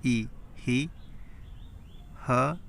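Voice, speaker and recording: Slow gravelly man teaching the alphabet. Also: medium pitch, a bit bright, a little hiss or hum. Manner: sounds out letters one by one, asks and answers his own questions. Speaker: Urdu script teacher. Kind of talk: slow spelling-out lesson.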